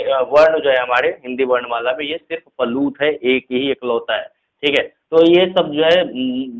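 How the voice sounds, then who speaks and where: A man gives a casual spoken lesson in a mid-pitched voice. He talks slowly and walks through example after example. He keeps checking in with his students and drops English words into his speech. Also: highs cut off. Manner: repeats "theek hai" as a check-in; explains slowly with repeated examples. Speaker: teacher.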